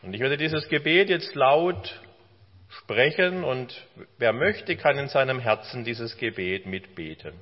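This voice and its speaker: A man preaching a sermon in an earnest, pastoral way, sometimes dropping to soft, prayerful tones. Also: medium pitch, animated, unhurried. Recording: long reverb, dull lo-fi sound.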